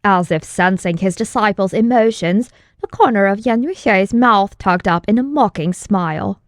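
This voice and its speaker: A woman with a mid-range voice narrates a scripted fantasy audiobook in a measured, dramatic storytelling style. The recording is studio quality with no echo.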